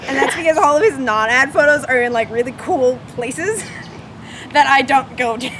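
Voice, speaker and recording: A young woman from Long Island, New York hosts a casual vlog from the streets of an outdoor theme park, chatting and poking fun at herself with plenty of fillers. Her voice is high-pitched and her pace moderate, while a loud crowd and music fill the background.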